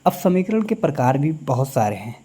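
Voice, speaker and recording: A man teaching a maths lecture in a classroom style, who keeps pausing to ask the class quick check questions. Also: medium pitch, sing-song, mellow, breathy edge.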